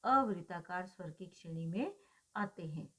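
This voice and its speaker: Woman lecturer, steady explanatory delivery, rhetorical questions, drawn-out example sounds. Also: on the low side. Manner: asks rhetorical questions and answers them; draws out vowel sounds as examples. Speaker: teacher.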